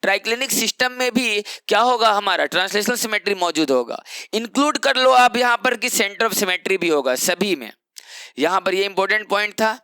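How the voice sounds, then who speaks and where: A man's voice: high-pitched, expressive, normal speed, sharp tone, clear, resonant tone, no echo. A young man teaching chemistry in an exam-prep lecture, explaining step by step and asking rhetorical questions that he answers himself.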